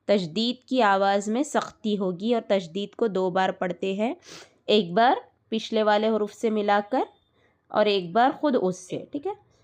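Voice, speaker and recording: A woman teaching Quran recitation rules, explaining slowly and patiently, repeating each point and checking that her student follows. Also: medium pitch, darkish tone.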